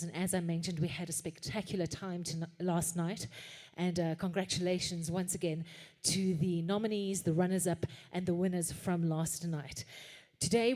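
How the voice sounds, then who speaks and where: Woman emceeing a conference, lowish mellow voice, chatty n upbeat with the crowd. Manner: upbeat, teasing with the audience. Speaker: conference host. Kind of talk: live event hosting. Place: conference hall.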